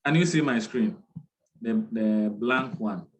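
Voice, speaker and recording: Brief: male lecturer, measured and unhurried, repeats key terms, online class. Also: lowish voice, animated, low-quality recording.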